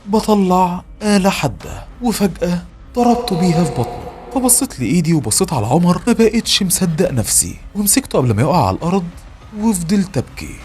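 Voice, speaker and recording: A man's voice: high-pitched, big pitch swings, fast, a little mellow, a little hiss or hum. Dramatic Egyptian male horror storyteller. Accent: Egyptian Arabic. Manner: tense, dramatic, emotional. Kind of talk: first-person horror story narration.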